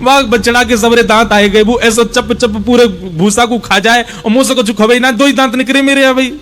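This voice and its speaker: A man with a Braj accent telling devotional stories in an animated, folksy way, stopping to explain words to listeners. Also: very high voice, normal speed, faint music behind. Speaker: katha storyteller. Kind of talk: devotional storytelling sermon.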